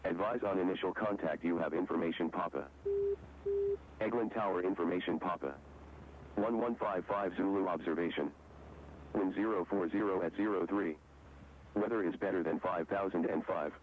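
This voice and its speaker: A man reading a recorded airport weather broadcast in a steady, measured recital of figures, heard over the aircraft radio. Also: sits low. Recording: tinny radio transmission with faint hiss.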